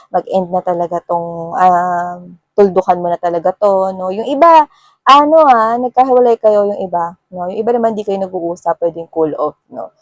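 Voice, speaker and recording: A woman's voice: mid-range voice, dry recording. A woman with a Filipino accent giving a casual tarot reading, chatty and full of filler words and tag questions. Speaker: tarot reader.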